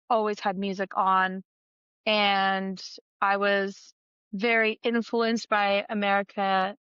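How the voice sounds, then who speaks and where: Woman from Argentina, young adult, smooth resonant voice, chatty storyteller, slightly dull lo-fi audio. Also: medium pitch, a bit bright, dry recording. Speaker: guest musician. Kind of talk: casual interview chat.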